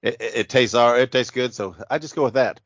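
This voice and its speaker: A man with a stuffy, congested voice that sounds like he is inside a box, chatting casually and haltingly as a podcast host while sick. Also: mid-range voice, no echo, highs cut off. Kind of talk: casual horror movie review podcast chat.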